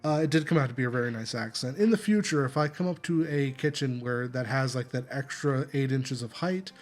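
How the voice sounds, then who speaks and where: A tired man hosting a gameplay video, giving a relaxed, rambling walkthrough and often correcting himself. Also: medium pitch, a little fast. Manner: rambling, self-correcting, apologetic.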